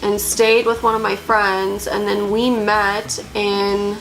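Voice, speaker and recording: A woman's voice: medium pitch, little pitch movement, slow pace, a bit bright, soft background music, low-quality recording. A young woman chatting casually while doing her makeup, full of "like" fillers and a slight lisp at times. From Upper Peninsula, Michigan. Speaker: beauty vlogger. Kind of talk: casual get-ready-with-me chat.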